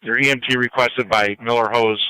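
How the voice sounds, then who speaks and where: A man's voice: mid-range voice, fairly even intonation, fairly quick, sharp tone, clean tone, no room sound, low-quality recording. An American man working as a fire dispatcher, making urgent, clipped, procedural announcements over two-way radio. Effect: two-way radio transmission. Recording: fire scanner radio stream.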